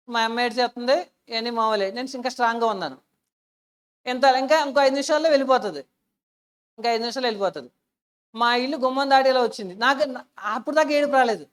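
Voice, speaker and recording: A woman with a somewhat high voice preaches a sermon built on personal stories. She talks earnestly and emotionally, asks her listeners questions, and swings between soft, hushed passages and loud outbursts. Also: clear, resonant tone.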